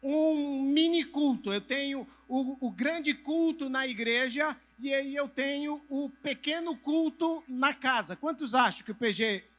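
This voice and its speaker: A man's voice: very high voice, measured pace, few pauses. A middle-aged male pastor preaching to church leaders, asking the audience questions and answering them himself, sometimes having them raise hands or turn to a neighbor. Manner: drops to a soft voice at moments. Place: church convention hall with a live audience.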